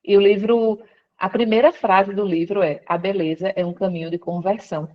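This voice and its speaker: A woman speaks from her workplace over a call line that sounds a little dull and lo-fi. She tells her story at an everyday pitch, switching into other people's voices as she quotes them. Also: moderate pace. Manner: storytelling, quoting others with lively voice shifts. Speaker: guest. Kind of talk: conversion testimony interview.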